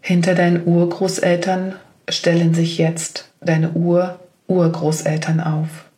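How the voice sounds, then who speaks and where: Female meditation guide; calm, level delivery, unhurried pace. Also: fairly low pitch. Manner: slow, gentle spoken instructions.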